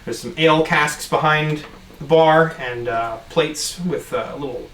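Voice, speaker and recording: A game master narrating a tabletop game in a relaxed, halting way, with plenty of fillers. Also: medium pitch. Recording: echoey room, mic at a distance, faint noise.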